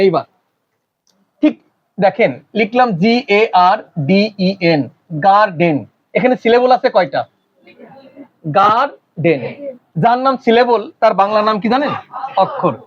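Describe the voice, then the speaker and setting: Male teacher, high-pitched, quizzing a classroom, muffled lo-fi recording. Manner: quizzing the class with rapid questions. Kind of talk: classroom lecture.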